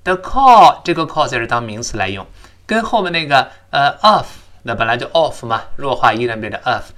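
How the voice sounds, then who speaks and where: A man gives a recorded English lesson in a chatty, explanatory way. He models the sounds aloud as he goes. His voice is bright and forceful, and his pitch sits in the middle range. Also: big pitch swings, fairly quick. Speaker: English teacher.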